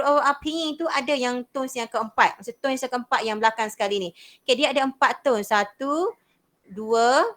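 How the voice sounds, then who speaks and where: A woman's voice: fairly high pitch, fairly bright tone. A young woman with a Malaysian Malay accent teaching a beginners' Mandarin class, explaining patiently and repeating sounds to demonstrate. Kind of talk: online language lesson.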